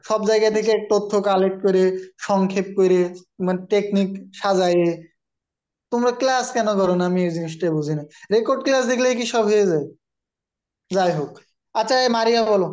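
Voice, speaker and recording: A man's voice: high-pitched, fairly quick, a little mellow, muffled recording. A man with a Bangladeshi Bengali accent teaching an online exam-prep grammar class, who explains patiently and calls on students by name.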